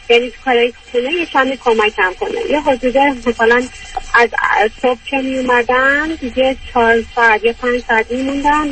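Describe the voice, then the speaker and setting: A woman from Iran phoning a radio advice show, her voice coming over the phone line as she tells her story in a halting, roundabout way. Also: fairly high pitch, a bit bright. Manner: halting, long roundabout telling. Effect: voice heard over a phone line on a radio call-in. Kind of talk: call-in consultation. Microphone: hand-held phone. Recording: distant noisy phone line.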